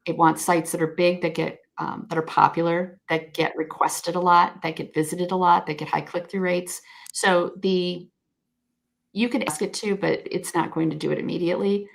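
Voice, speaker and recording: Woman, lowish voice, gravelly, guest expert, frank, self-correcting, video call. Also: little pitch movement, moderate pace. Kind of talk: conversational explanation.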